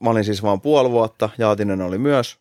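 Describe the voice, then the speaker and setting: Low-voiced young man telling a story. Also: dry recording, clean studio sound. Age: 20s. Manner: swears freely, animated storytelling, laughs while telling. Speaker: podcast host. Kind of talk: casual chat, telling an anecdote.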